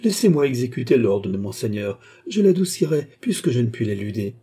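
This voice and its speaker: Man voicing a fawning chancellor, eager, pleading, dark husky tone. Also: mid-range voice, big pitch swings, brisk. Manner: obsequious and pleading. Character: fawning, eager middle-aged male chancellor.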